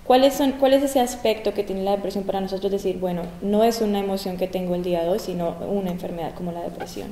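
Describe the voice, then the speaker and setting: Casting: woman host of a community health talk, mellow tone, echoey gym recording. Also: mid-range voice, fairly even intonation, fast talker, few pauses. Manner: clear, guiding questions. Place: large school gym. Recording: roomy echo, long gym reverb.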